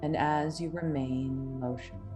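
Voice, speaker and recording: Woman, low-pitched, hypnosis instructor, soothing guided induction, lulling phrases with long pauses, new-age music behind. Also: steady tone. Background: soft New-age music.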